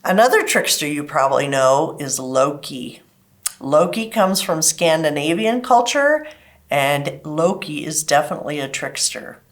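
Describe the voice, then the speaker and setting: A woman with a deep, expressive voice hosts a children's library program, speaking at a measured pace. She explains stories and crafts to kids in simple step-by-step terms, mixing a craft lesson with storytime talk.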